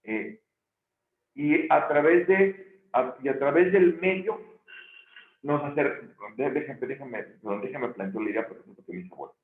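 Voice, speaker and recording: A man's voice: medium pitch, moderate pace. A man teaching a recorded theology lesson, thinking aloud and correcting himself often. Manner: thinking aloud with frequent restarts and self-corrections. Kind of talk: recorded video lecture. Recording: echoey room, tinny phone-like sound.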